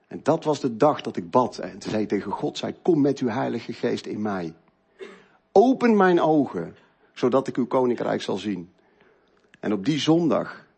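A middle-aged man telling an earnest, emotional personal faith testimony, moving between loud stretches and hushed ones. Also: mid-range voice, gravelly, slightly rough. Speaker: speaker giving a faith testimony.

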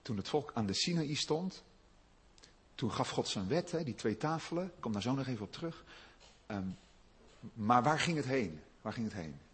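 A man preaching a sermon, building to loud emphatic peaks and dropping back to quiet asides. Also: normal speed, husky. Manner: lively, rising to loud emphatic peaks then dropping low.

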